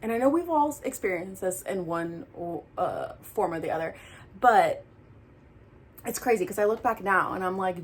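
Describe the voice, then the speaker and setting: Breathy young woman, earnest heart-to-heart. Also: mid-range voice, moderate pace. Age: young adult. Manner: earnest and animated, with laughter and soft breathy asides. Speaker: vlogger giving breakup advice. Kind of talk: casual heart-to-heart chat to camera.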